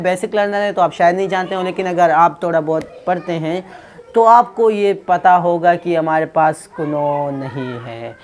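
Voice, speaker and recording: A man's voice: sits high, a little hiss or hum. A man teaching English pronunciation in a casual video lesson, joking and teasing his viewers as he explains, and dropping English phrases into his talk.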